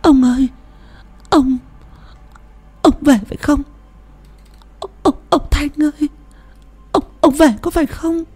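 A woman's voice: sits high, fairly even intonation, slow, long pauses, mellow. A woman voicing a grieving old widow who pleads through tears. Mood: tearful pleading. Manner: tearful, pleading, sobbing. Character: grieving old widow haunted by her husband.

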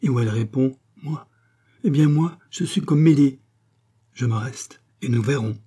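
Haughty queen, read by a man, imperious and reproachful, raised dark husky voice. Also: mid-range voice, normal speed, voice pushed up, natural voice. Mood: indignant. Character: proud haughty queen, woman, stern.

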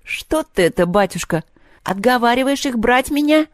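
A woman's voice: fairly high pitch, gravelly, a little mellow, no room sound, clean studio sound, pitched above the performer's own voice. Woman playing a grumbling old grandmother. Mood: aggrieved grumbling. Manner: slow, whining complaint.

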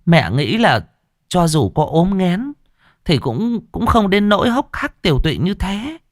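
A man's voice: high voice, very animated, measured pace, dry recording, clean studio sound, voice pushed up. A man voicing a fussing, concerned middle-aged mother-in-law in a ghost story. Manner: fussing, scolding.

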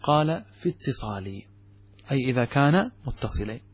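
Husky-voiced male grammar teacher. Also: medium pitch, expressive. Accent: Arabic of the Gulf. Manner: asks and answers his own questions; repeats example words slowly and stresses them. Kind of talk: explaining a grammar text in a lesson.

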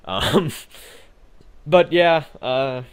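A man's voice: a little high, expressive, drawn-out words, smooth. A young man co-hosting a gaming podcast, chatting casually in a rambling, laid-back way with frequent swearing and fillers. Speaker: podcast co-host.

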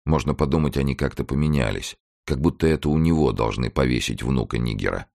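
A plain, quiet working man speaks in a very low, gravelly voice, as the reader gives him his lines. He sounds restrained and steady. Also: a little fast, dry recording, studio quality.

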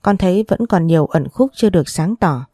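Woman reading as a calm middle-aged father. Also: fairly low pitch, fairly quick, husky, no room sound, studio quality.

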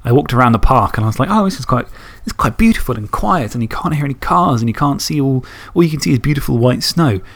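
A man's voice: mid-range voice, expressive, fast, creaky, hardly any pauses, a bit bright. A man co-hosting a podcast in casual, rambling, self-mocking chat. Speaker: podcast co-host.

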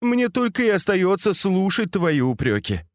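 A man's voice: sits high, big pitch swings, moderate pace, dry recording, studio quality, pitched above the performer's own voice. A man reading an audiobook and voicing a meek, tearful noble wife who pleads and defends herself. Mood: pleading.

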